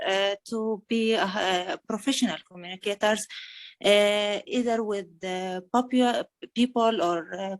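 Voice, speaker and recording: A woman with a fairly high voice and a Jordanian accent introduces herself to an online class. A native Arabic speaker, she pauses often and hesitantly. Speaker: course participant, pharmacist and manager. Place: online video call.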